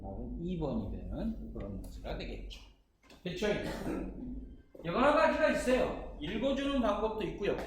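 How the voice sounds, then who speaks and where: Guy teaching math for a school exam, high animated voice, keeps checking you get it, noisy echoey recording. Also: normal speed. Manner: keeps checking understanding with short questions; lively, chatty explaining. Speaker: math tutor. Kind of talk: exam-prep math lesson. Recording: echoey room with distant mic and noise.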